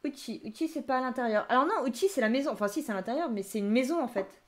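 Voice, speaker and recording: A woman's voice: on the high side, fast talker. A young woman teaching Japanese vocabulary on a live stream, reading out and reacting to chat answers with frequent laughter. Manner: lively, laughs often, reads chat answers aloud.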